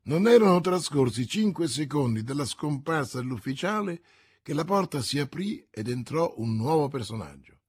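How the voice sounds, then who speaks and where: A man narrating a classic novel as an audiobook reading, in a measured, expressive storytelling manner. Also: fairly high pitch, breathy edge.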